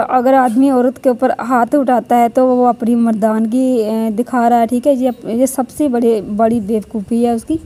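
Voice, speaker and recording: A woman vlogging casually at home to her viewers, chatty and rambling, often ending her points with a quick check-in. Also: a little high, warm tone. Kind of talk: casual vlog chat to viewers.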